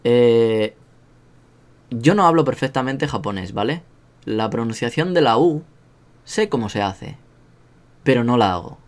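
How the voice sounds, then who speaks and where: A man's voice: medium pitch, animated, measured pace, long pauses. Man, accent from Spain, casual online lesson, joking, self-mocking, sounds out syllables. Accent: Spain Spanish. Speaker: language teacher.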